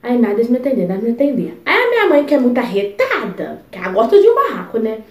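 A young woman vlogger telling a personal story in a chatty, expressive way, full of asides. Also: a little high, fast talker, roomy sound. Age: young adult. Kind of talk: casual storytelling.

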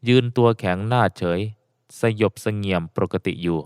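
A man narrating an audiobook in a steady storytelling cadence, close to the mic. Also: on the low side, moderate pace, clear, resonant tone, no room sound.

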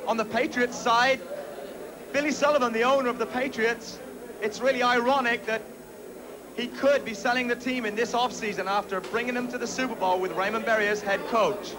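A man's voice: very high-pitched, steady tone, fairly quick, crowd noise, poor audio. A man giving studio commentary as an analyst in an informative, matter-of-fact manner.

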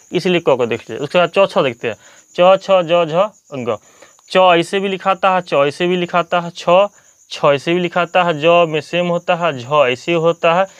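A man, hosting a slow, patient reading lesson and repeating each point. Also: a little high, smooth, dry recording. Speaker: teacher and channel host.

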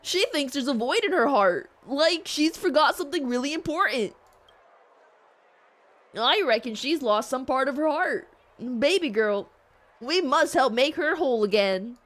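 An excitable clockwork mascot squeaks along in a high, goofy cartoon voice, put on by a woman. Its delivery is bouncy and cartoonish, with pitch jumping up and down. It sounds like a game sidekick. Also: unhurried.

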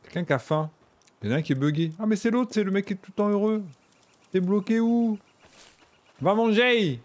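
A man streaming a video game, chatting casually with his viewers and breaking into excited exclamations. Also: sits high, fairly quick. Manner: chatty, talks to chat and game characters. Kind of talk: casual gameplay commentary.

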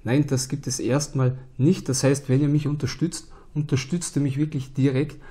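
This thirtysomething board game host speaks Austrian-accented German in a relaxed, casual chat to camera at home in a small room, leaning on many "ja"s and "ähm"s. He has a cold, and his mid-range voice is slightly rough at a normal pace.

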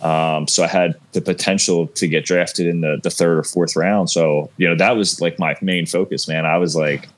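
Speaking low at a normal speed with few pauses, a former athlete in his thirties shares his story over a video call in a South Jersey accent. His interview storytelling is easygoing and meandering, packed with fillers, from a shelved room in his home.

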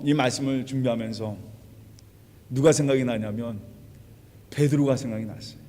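Korean pastor preaching in a reverberant hall. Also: male voice, a little high. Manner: dramatic retelling, acting out quoted lines with big swings in loudness. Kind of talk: sermon. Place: church sanctuary.

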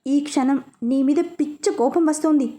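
A woman voicing a hot-tempered, possessive young man in love, who talks in sharp, scolding questions. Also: sits high, moderate pace, close to an everyday voice. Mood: heated.

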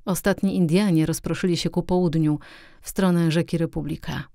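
A woman reads a classic adventure novel aloud as an audiobook, telling it steadily and with expression. Her voice sits fairly low and sounds mellow. The recording is close and dry. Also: steady tone, a little fast, creaky, dry recording. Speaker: audiobook reader. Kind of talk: audiobook narration.

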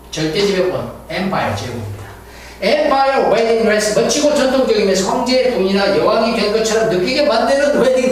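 A man teaching English vocabulary, drilling pronunciation by repeating each word. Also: high-pitched. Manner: drills words by repeating them, animated teacherly delivery. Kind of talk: recorded vocabulary and pronunciation lesson. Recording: very echoey room, distant mic, faint hiss.

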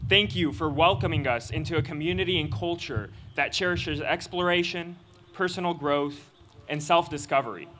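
Young guy at a graduation podium, reading his speech, bright voice pitched a bit high, earnest and steady. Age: young adult. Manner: earnest, measured delivery with occasional slips. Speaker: student commencement speaker. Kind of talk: formal prepared speech read at a podium. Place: outdoor stage of a graduation ceremony. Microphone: podium microphone.

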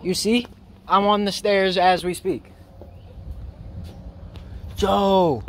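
A man's voice: sits high, steady tone, very slow. A young man chatting loosely and swearing as he explores an abandoned building. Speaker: explorer vlogger. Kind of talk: casual exploring chat. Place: outdoors in a weedy field and inside an abandoned building. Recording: noisy outdoor camera audio.

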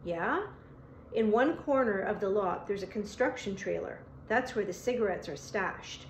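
A woman reading an audiobook, voicing a frightened but scheming young teenage boy who talks in a squeaky, pleading way. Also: animated, moderate pace, slight background noise, natural voice. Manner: squeaky, pleading, playing timid. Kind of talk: audiobook character voice. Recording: roomy echo.

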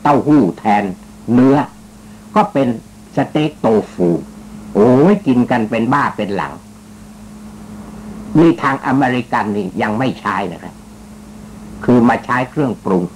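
Telling a chatty story on his talk show, a radio host teases and jokes politely, sprinkling in frequent particles. His medium-pitched, slightly mellow voice has lively intonation, a somewhat slow pace and long pauses, on a low-quality recording with slight background noise.

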